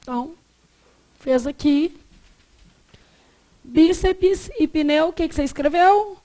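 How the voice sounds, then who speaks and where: A Brazilian woman in her thirties teaching Portuguese grammar in an emphatic, animated manner, stretching out syllables when she spells and acting out quoted dialogue. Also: high voice, slow. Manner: acts out quoted dialogue in lively voices. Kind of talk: classroom lecture.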